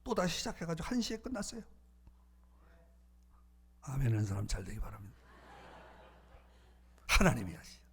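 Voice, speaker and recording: A man preaching a sermon as pastor, animated, shifting between loud calls and hushed asides. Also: medium pitch, moderate pace, pauses often, slightly rough.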